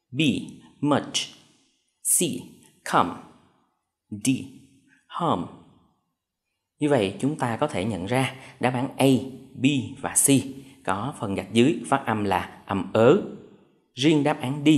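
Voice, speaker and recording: Male teacher, exam-prep TV lesson, methodical, steady mid-range voice. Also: medium pitch. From Vietnam. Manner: methodical, reads out answer options one by one. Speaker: English teacher.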